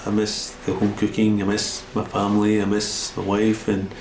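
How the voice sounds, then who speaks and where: A man's voice: fairly low pitch, monotone, moderate pace, a little mellow, soft background music. Earnest Scottish man, roomy sound. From Scotland. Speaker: undercover newcomer looking for work. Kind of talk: casual chat and reflective talk.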